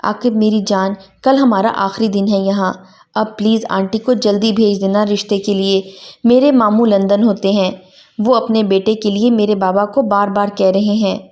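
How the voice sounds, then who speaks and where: A woman's voice: medium pitch, steady tone, darkish tone, natural voice. A woman voicing a headstrong, lovesick young woman with curt, defiant lines in a storybook reading. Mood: pleading.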